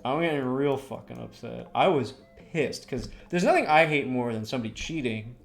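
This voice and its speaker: A man's voice: mid-range voice, animated, normal speed, creaky, faint music behind. A young man, a streamer, telling a story in a casual, rambling way while he draws. He swears a lot and fills his talk with lots of "like" and "you know".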